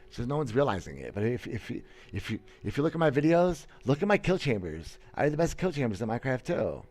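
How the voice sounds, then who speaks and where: With a sing-song, darkish medium-pitched voice and a quick pace, this gaming streamer in his thirties gives casual commentary from a small room. He wears a headset mic, is framed by a webcam, and speaks bluntly and boastfully, stammering and restarting often.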